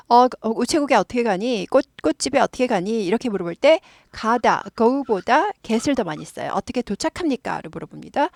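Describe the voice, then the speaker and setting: A woman, a native Korean speaker, explains an English dialogue as a lively teacher who repeats phrases for drilling. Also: medium pitch, gravelly, no room sound, clean studio sound.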